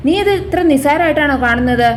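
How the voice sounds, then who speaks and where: A woman's voice: sits high, fast talker, slight background noise, close to an everyday voice. A woman voicing a ruthless, scheming middle-aged villainess who plots murders, speaking coldly and menacingly. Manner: cold, menacing, plotting.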